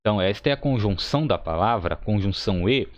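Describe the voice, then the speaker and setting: Male teacher, lowish voice, patient explainer, dry close recording. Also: lively intonation, quick pace, no room sound. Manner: explains patiently, says "tá?" often, thinks aloud with fillers. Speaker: Hebrew teacher. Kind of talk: recorded online lesson.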